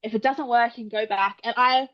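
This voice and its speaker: A young Australian woman, a guest author, chats casually in an interview, full of fillers and quoted asides. Her fairly high voice moves fairly quickly with fairly even intonation, and the sound is lo-fi.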